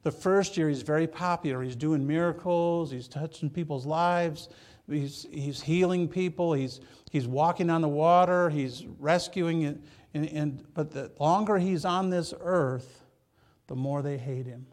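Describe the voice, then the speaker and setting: A man's voice: fairly high pitch, unhurried, darkish tone. A man from Michigan preaching a sermon as pastor, talking casually with the congregation, joking with listeners and often repeating words as he starts a phrase. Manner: conversational, joking asides to congregation.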